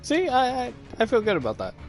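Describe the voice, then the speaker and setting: A man's voice: very high voice, wildly swooping pitch, brisk, soft background music. A man hosting a chat show, telling a casual story, swearing freely and laughing at his own jokes. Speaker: host.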